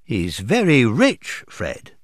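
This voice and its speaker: Guy reading as a blunt young wife, slow, wide pitch swings. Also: huge pitch swings, dry recording, studio quality, full character voice.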